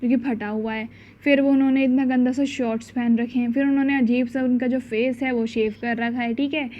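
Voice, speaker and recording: A woman teacher explaining a school story chapter, mixing languages, acting out the quotes and reading English lines slowly. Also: on the high side, steady tone, warm tone. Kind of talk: storybook lesson in Hindi and English. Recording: dull lo-fi sound.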